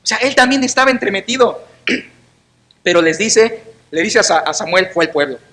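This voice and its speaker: Emphatic high-voiced male preacher. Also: animated, moderate pace, bright, forceful tone. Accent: Mexican Spanish. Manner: emphatic, sarcastic preaching with acted-out quotes. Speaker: pastor. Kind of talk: sermon. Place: church.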